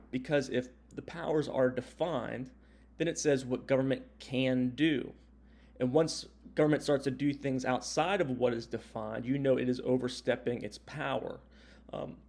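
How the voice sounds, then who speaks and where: A man's voice: mid-range voice, creaky, darkish tone. American man teaching an informal recorded lecture. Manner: explanatory, punctuates points with check-in tags like "right?" and "okay?". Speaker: history and government teacher.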